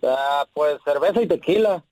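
A man's voice: a little high, lively intonation, moderate pace, a little mellow. A man on a phone call, answering hesitantly, then pleading defensively. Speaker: prank call target.

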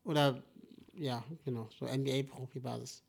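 A young man co-hosting a casual podcast, talking in an animated, jokey, rambling way. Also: mid-range voice, moderate pace, vocal fry, breathy edge. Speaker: podcast co-host. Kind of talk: casual chat.

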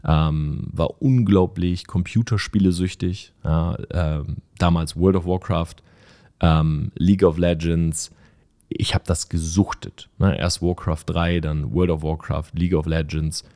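A man's voice: low voice, steady tone, unhurried, mellow. A young man from northern Germany, a podcast host telling stories in a chatty, self-mocking way, with many fillers, acting out the people he quotes. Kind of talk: casual storytelling monologue.

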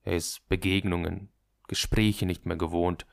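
Man narrating an audiobook, low voice, steady literary reading, super dry sound. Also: creaky, no room sound. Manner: measured, even literary reading.

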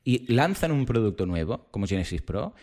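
Man, podcast host, mid-pitched, animated, leans on rhetorical questions. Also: moderate pace. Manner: animated, explains with everyday examples, rhetorical questions. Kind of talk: casual tech podcast chat.

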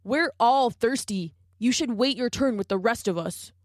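A woman's voice: on the high side, dry recording, voice pushed up, lightly acted. Stout storybook warthog, blunt and scolding, done by a woman, dry recording. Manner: slow, scolding, firm.

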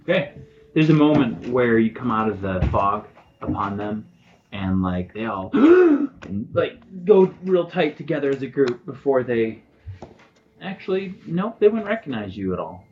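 A man's voice: medium pitch, sing-song, normal speed. A man narrating as the game master of a tabletop game, in a loose, chatty way with fillers. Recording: dull lo-fi recording with faint noise.

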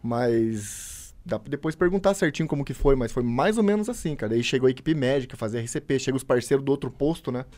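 A young man, a firefighter, chatting casually and easily, pausing now and then to recall details. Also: mid-range voice. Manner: relaxed, easygoing, pauses to recall details. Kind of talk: casual chat.

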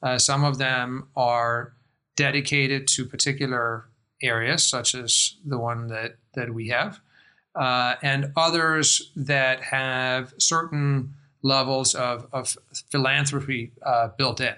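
A middle-aged man from Denmark with an American-influenced Danish accent, giving measured, thoughtful interview answers as a guest. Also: mid-range voice, fairly even intonation, sharp tone, clean tone. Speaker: guest, life-science investor.

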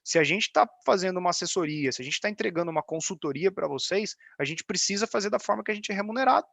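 A man with a Brazilian Portuguese accent presents informally on a video call in a fairly high voice. The sound is dry, and he explains step by step, punctuating his points with little tag questions. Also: fairly bright tone, no echo. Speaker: financial advisory firm leader presenting. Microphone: video call microphone.

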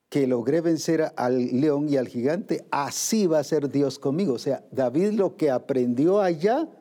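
A man's voice: medium pitch, warm tone. A man preaching a sermon, asking questions and acting out the voices of worried believers.

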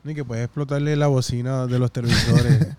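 A man's voice: mid-range voice, steady tone, a little fast, a little mellow, clear, resonant tone. A man, co-hosting a casual chat show in an easygoing, laughing way. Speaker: podcast co-host.

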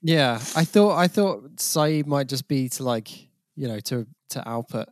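A man's voice: medium pitch, animated, a little slow, no room sound, studio quality. A man co-hosting a casual podcast, easygoing, laughing and answering briefly. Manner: easygoing, laughs, short replies. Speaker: podcast co-host. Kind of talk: casual chat.

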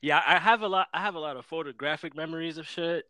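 A man's voice: on the high side, fast, bright, forceful tone, smooth, no room sound. Profane, laid-back young man hosting a podcast. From Florida. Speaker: podcast host. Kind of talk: casual podcast chat.

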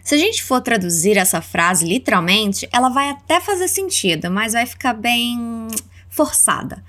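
A woman with a Brazilian accent teaching English words, saying each one slowly and clearly for listeners to repeat. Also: fairly high pitch, very animated, a bit bright. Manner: slow, clear modeling of words for repetition. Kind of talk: language lesson narration.

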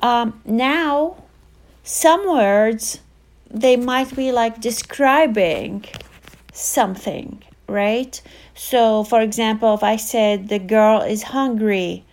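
Slow, patient woman teaching a language. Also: fairly high pitch, a little mellow. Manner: slow, repetitive teaching with many fillers. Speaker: Arabic tutor. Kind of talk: casual online language lesson.

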